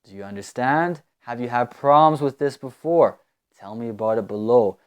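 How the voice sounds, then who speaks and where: A man from the United States, an English speaker, teaching English grammar and often pausing on fillers and repeating words. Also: medium pitch, smooth. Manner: unhurried, hesitant, with many fillers and repeated words. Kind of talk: language lesson explaining grammar.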